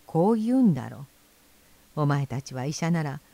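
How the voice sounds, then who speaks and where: A fat, greedy rich man, as a woman reading the tale puts him on, blustering loudly and barking threats. The voice stays low and mellow, close to her own, with a dry close sound. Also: very animated, moderate pace, vocal fry, no echo, exaggerated voice. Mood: lecturing.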